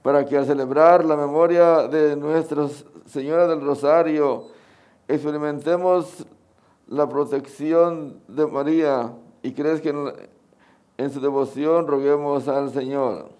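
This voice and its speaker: Higher-voiced middle-aged Mexican priest. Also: male voice, fairly even intonation, slow pace, darkish tone. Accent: Mexican Spanish. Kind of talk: sermon and prayers at Mass. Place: outdoors under a canopy at an altar.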